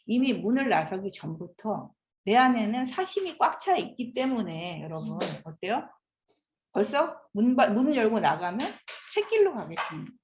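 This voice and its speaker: Fifties woman lecturing in a roomy echoey hall, lively up-and-down voice, a bit dull sound. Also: fairly high pitch, normal speed. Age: 50s. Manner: animated, asks the audience questions. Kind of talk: classroom lecture. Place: lecture room.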